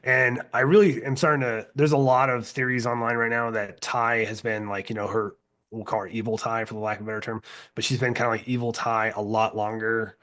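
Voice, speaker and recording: A man's voice: mid-range voice, little pitch movement, brisk, a bit bright. A man co-hosting a casual podcast recap of a TV series, laid-back and profane. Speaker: podcast co-host.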